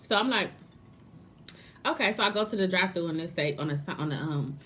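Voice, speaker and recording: A woman's voice: on the low side, animated, brisk, a bit bright. A woman chatting casually to viewers in a mukbang vlog, talking between bites of crunchy fried chicken. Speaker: mukbang vlogger.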